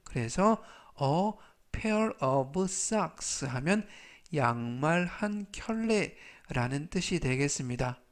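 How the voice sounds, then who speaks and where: A man speaking Korean with a Korean accent, giving an English vocabulary lesson. He repeats each word three times, then explains it in set phrases. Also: on the high side. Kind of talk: slow, methodical vocabulary lesson.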